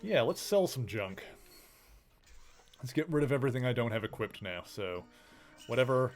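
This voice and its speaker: A man talks loosely while live streaming a game, wandering between thoughts. He coos affectionately to his pets. His voice sits at an ordinary middle pitch. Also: sing-song, normal speed, soft background music. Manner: rambling and affectionate, cooing to his pets in a baby voice.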